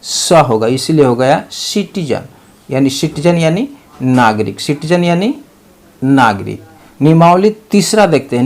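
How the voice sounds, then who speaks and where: A man teaching a pronunciation lesson, asking questions and answering them himself, repeating each point. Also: on the high side. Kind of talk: explaining English pronunciation rules.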